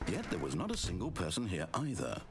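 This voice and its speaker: A man's voice: wildly swooping pitch, a little fast, background noise, exaggerated voice. An actor playing a controlling male video game narrator, proud of his story, with precise, theatrical delivery. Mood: narrating. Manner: precise, theatrical delivery with wild swings in pitch. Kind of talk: scripted video game voice acting.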